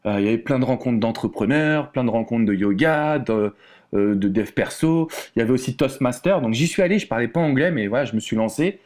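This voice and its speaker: A French man, a relationship coach, talking as a guest in a relaxed, candid way with many fillers. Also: mid-range voice, fairly quick. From France. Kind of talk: conversational interview.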